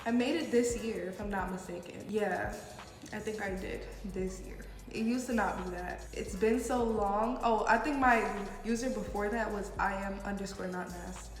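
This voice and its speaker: A woman's voice: mid-range voice, normal speed. A young woman from the United States with a cold and a stuffy, blocked nose, chatting casually and informally as she answers questions for a vlog. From United States, partly New York City. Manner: informal, frequent "like". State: sick with a head cold. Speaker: video blogger. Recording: echoey reverberant room with music.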